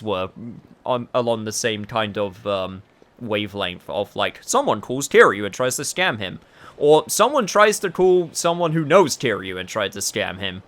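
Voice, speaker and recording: A man's voice: fairly low pitch, a bit bright. A young man giving chatty, sweary, casual commentary over a video game he is playing. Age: young adult. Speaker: gaming video host. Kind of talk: casual gameplay commentary with game lines read aloud. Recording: music behind the voice.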